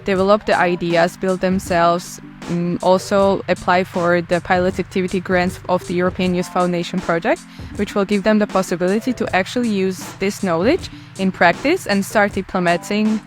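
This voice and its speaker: A woman's voice: on the low side, fairly even intonation, moderate pace, faint music behind. A woman who organized a youth project, explaining its aims earnestly in an interview. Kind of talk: interview testimonial.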